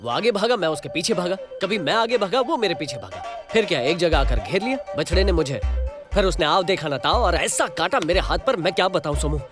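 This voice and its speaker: A lively, swinging voice for a boastful village lad telling a comic tall tale. He exaggerates every turn in film dialogue. Music plays under the soundtrack. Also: high voice, fairly quick. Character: boastful young village man, comic storyteller.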